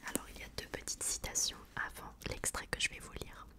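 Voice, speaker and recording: A woman whispering softly as an ASMR host, presenting and reading from a book in an informal way. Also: fairly quick.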